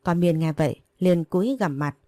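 A woman narrating a romance story aloud in a calm, steady storytelling manner. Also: fairly low pitch, normal speed, dry recording. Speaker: audiobook narrator.

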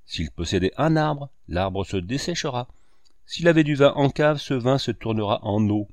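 A man's voice: lively intonation, normal speed, darkish tone, dry recording, lightly acted. A man voicing a mocking old male ranter. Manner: declaiming, booming laughter. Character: boisterous sarcastic old male painter, mocking. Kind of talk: audiobook character reading.

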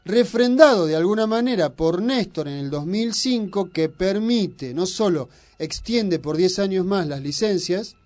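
This host's high, slightly mellow voice is expressive, measured in pace, and has hardly any pauses. Speaking Argentine Spanish on the radio, he teases his co-host and lectures at length on politics, keeping the banter provocative, argumentative and opinionated.

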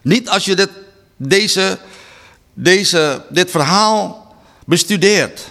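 A man giving a preaching Bible study talk, reading slowly and deliberately with emphatic restarts. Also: high-pitched, gravelly, sharp tone. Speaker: Bible teacher.

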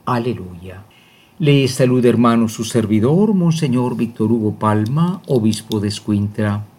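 An older man, a bishop, opening a prayerful scripture reflection in a devout, measured preaching manner. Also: medium pitch, expressive, a little mellow, husky.

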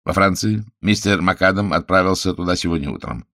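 A man's voice: low-pitched, a little fast, gravelly, a bit bright, no room sound, studio quality. A man voicing a grave, worried senior statesman in an audiobook, formal and solemn.

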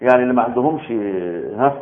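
A man with an Egyptian accent giving a colloquial religious lecture, animated, asking the audience rhetorical questions and answering them himself. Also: medium pitch, racing, phone-quality sound. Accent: Egyptian Arabic. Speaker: preacher giving Quran commentary.

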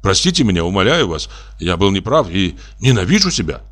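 Man reading as a condescending official, measured, lecturing, ironic, audiobook. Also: low voice, sing-song, a bit bright, exaggerated voice. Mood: flustered.

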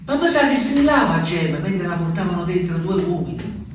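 With a high pitch, big pitch swings, and moderate pace, an actor performs as a lonely old peasant man musing to the moon. The theatrical monologue is wistful and rambling, recorded from a distance on a theatre stage with reverb and faint noise.

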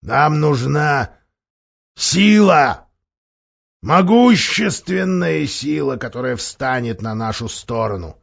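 Casting: a shrill, gravelly, scheming dwarf for an audiobook, read by a man; huskiness and a dull recording. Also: expressive, slow pace, heavily acted. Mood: sneering. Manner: sneering, rising to shrill shouts. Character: bitter scheming male dwarf, sharp-tongued, defiant.

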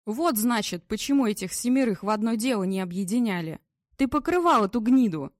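A woman reading an audiobook, voicing a trapped young male police detective who shouts urgently for help. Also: on the high side, lively intonation, moderate pace, no echo, studio quality. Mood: furious.

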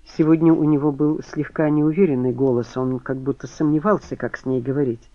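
A man reading a crime novel aloud as an audiobook narrator, steady and even. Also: on the high side, fairly quick, no echo. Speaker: audiobook reader. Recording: slightly dull dry recording.

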